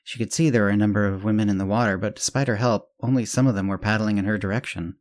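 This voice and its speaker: A man narrating a serialized story as the show's host, at a slightly low pitch. His reading is measured and even, with the odd restart. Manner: measured reading with small self-corrections.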